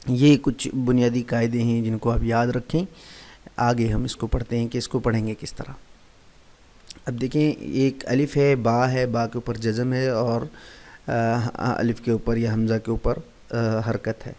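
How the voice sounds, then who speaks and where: Male reading teacher at middle pitch, patient and methodical, repeats syllables three times each. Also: little pitch movement, a little mellow. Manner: patient, repetitive drilling of sounds. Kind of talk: recitation lesson, spelling out syllables.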